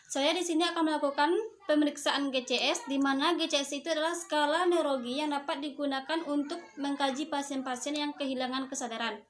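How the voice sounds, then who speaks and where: A young Indonesian nursing student with a high, fairly evenly intoned voice demonstrates a procedure step by step. She's hesitant, pausing and starting over, and the audio is echoey and distant from the mic with faint background noise.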